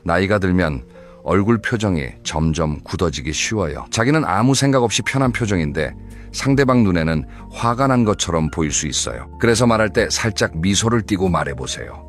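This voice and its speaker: A deep-voiced man narrates a scripted advice talk. He speaks in a steady, measured and instructive way. Faint music plays softly behind him.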